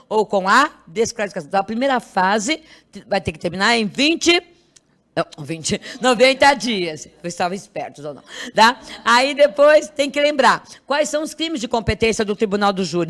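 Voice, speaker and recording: A law exam prep teacher with a Brazilian Portuguese accent runs a review class, firing constant rhetorical questions at students and repeating key terms. Her voice is fairly high and a bit bright, with lively intonation and a fairly quick pace.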